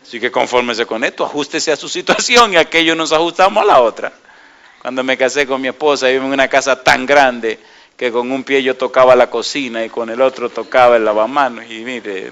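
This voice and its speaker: A middle-aged man delivers a sermon in a bright, ringing voice at an ordinary middle pitch. He talks in a lively way and keeps turning to the congregation with questions. His carries a clear Caribbean lilt. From Dominican Republic. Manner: animated, asks the congregation questions. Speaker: preacher.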